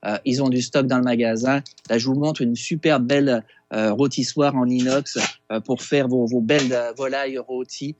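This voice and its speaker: A man with a Québécois accent, a chef talking through a recipe on a casual radio segment, halting with many fillers and restarts over a phone line. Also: medium pitch, fairly even intonation, noisy background. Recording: dull lo-fi phone sound.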